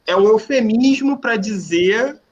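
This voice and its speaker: A man's voice: high voice, measured pace, lo-fi sound, a little hiss or hum. A man teaching a remote language class, explaining step by step and checking in with "né?" and "ok?" often. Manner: explanatory, asks "né?" and "ok?" often, with frequent restarts.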